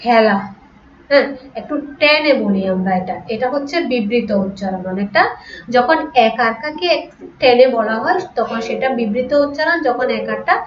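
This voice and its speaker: A woman teaching an online class, explaining slowly, repeating example words and asking her students rhetorical questions. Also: a little high, expressive, a little hiss or hum. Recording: echoey room, distant lo-fi mic.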